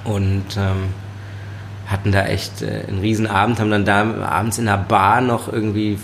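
A chef and sommelier, a man with a Ruhr-area German accent, telling stories in a relaxed podcast conversation, often laughing and using many fillers. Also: on the low side, moderate pace, gravelly, a little hiss or hum. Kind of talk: casual podcast interview.

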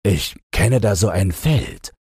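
In a storybook reading, a man plays a sly, scheming big bad wolf with a deep, gravelly, husky voice, speaking slowly in drawn-out, coaxing tones. The delivery is expressive, a full character voice with a darkish tone. The recording is dry and studio-clean.

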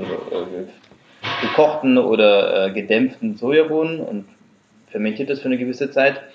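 A man, the guest on an interview podcast, explaining his craft in his workshop with occasional fillers. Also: medium pitch. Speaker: guest, fermentation producer. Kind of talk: casual interview. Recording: echoey room, dull lo-fi sound.

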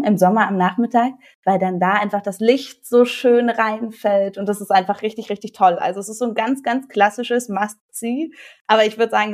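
A young woman from Germany joins a podcast as a guest. She talks in a relaxed, casual way and gives travel tips with plenty of enthusiasm. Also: medium pitch.

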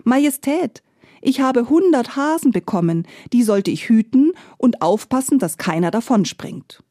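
A woman's voice: on the high side, animated, a little slow, warm tone, no echo, clean studio sound, pitched above the performer's own voice. A woman voicing a clever, cocky young shepherd in a told fairy tale. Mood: cheeky. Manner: cocky, playful questioning.

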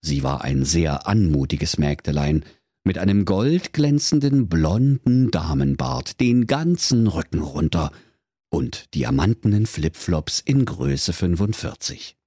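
A man's voice: low-pitched, animated, slow, mellow, breathy edge, dry recording, clean studio sound. A man narrating a comic fairy tale playfully and theatrically, full of wordplay. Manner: playful, theatrical, pun-filled. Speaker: storyteller.

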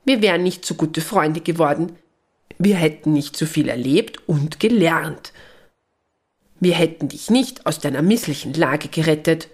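A woman's voice: deep voice, animated, unhurried, husky, full character voice. Woman reading an earnest companion giving advice. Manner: earnest, lecturing gently.

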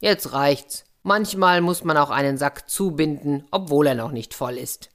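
A woman voicing a huge, unbothered strong man in a children's fairy tale, speaking slowly and boastfully. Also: low-pitched.

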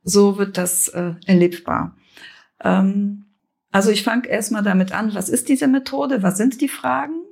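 A woman coach and mediator calmly explaining a method step by step in conversation, with measured pauses. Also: mid-range voice, vocal fry, husky.

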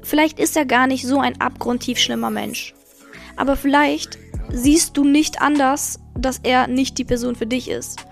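Gravelly-voiced young woman podcaster. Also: sits high, fairly even intonation, unhurried, faint music behind. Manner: candid, blunt, addresses listeners directly. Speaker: podcast host. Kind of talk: personal storytelling and advice.

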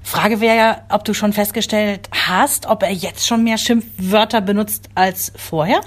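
A woman talks in an easy conversational way. She is expressive and quick to laugh, often adding small agreeing sounds. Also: medium pitch. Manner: expressive, laughs easily, frequent agreeing fillers. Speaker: podcast co-host, mother. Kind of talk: casual chat.

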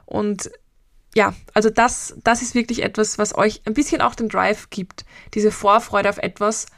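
In her late twenties, a mental coach and podcast host with an Austrian German accent muses alone on her reflective podcast, wandering between thoughts with frequent hesitations. Her mid-pitched voice keeps a fairly even intonation. The recording is dry and close, without echo or room sound.

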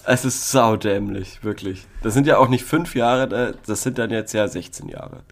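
A man's voice: lowish voice, moderate pace, vocal fry. A man co-hosting a casual podcast, giving blunt, crude verdicts in short bursts. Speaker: podcast co-host. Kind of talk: casual chat.

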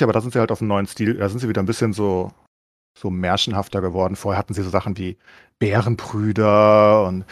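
A man's voice: fairly low pitch, no echo. A man co-hosting a casual podcast, explaining things at length as if giving a lecture, with frequent filler words. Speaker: podcast co-host. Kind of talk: casual chat.

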